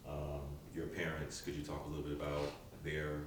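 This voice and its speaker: A very deep-voiced man asks relaxed, loosely phrased interview questions. He sits well away from the mic in a strongly echoing room, and a low rumble runs under his voice. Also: brisk, distant mic. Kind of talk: casual recorded interview.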